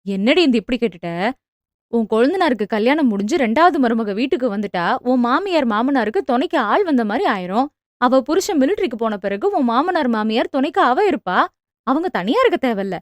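A woman voicing an anxious, talkative middle-aged mother who scolds quickly and defends herself. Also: a little high, expressive, no room sound, clean studio sound, natural voice. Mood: defensive scolding. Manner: fast, fretful, scolding.

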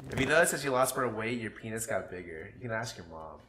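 Lively man rambling over loud music. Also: lowish voice, fast talker. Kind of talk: casual rambling monologue. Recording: roomy, loud music behind.

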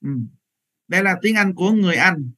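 A man's voice: high-pitched, a little fast, bright, forceful tone, low-quality recording. A man teaching English pronunciation in a live online class, repeating words patiently and correcting learners over a computer microphone.

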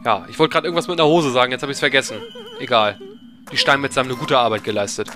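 A man's voice: mid-range voice, racing, over music. A man giving casual, chatty gameplay commentary in a playful, ironic way. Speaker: let's player.

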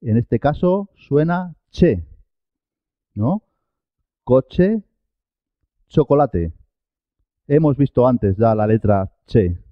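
A man teaching Spanish pronunciation, slowly repeating each example word with careful articulation. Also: mid-range voice, very animated, no room sound. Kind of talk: pronunciation lesson. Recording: dull, dry lo-fi sound.

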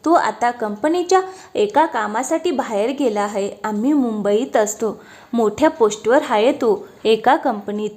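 Woman playing a snooty show-off rich wife, bragging, kinda high voice, storybook reading. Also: unhurried, a little mellow, lightly acted. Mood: boastful. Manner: haughty, bragging. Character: boastful proud rich young wife.

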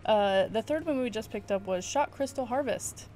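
A woman's voice: fairly high pitch, normal speed, mellow. A woman co-hosting a couch co-op game playthrough, laughing often as she explains the quests in detail. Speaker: let's play co-host. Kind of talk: casual gameplay chat. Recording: game music playing behind.

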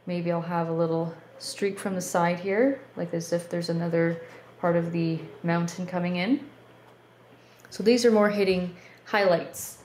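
A woman with a Canadian accent, a painting instructor talking through each brushstroke in a relaxed, step-by-step way. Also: on the low side, unhurried. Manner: relaxed, thinking aloud while working. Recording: roomy studio with faint background hum.

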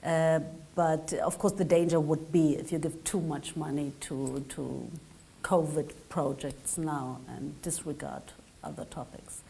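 Low dark-voiced woman panelist. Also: steady tone, measured pace, vocal fry. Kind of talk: panel discussion.

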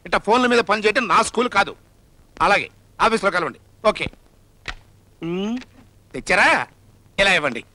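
A man's voice: high voice, sing-song, normal speed, long pauses, pushed and bright, heavily acted. An actor playing a doting rich father who fusses over his daughter and gives in to her in a film comedy. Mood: businesslike. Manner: fond, fussing, then giving in. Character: doting rich father, fussy about fashion.

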